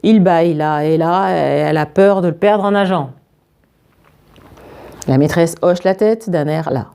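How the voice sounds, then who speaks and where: A young woman reading a children's book aloud in an expressive way, prone to fits of giggling. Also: fairly low pitch, a little slow, creaky, smooth. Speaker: storyteller.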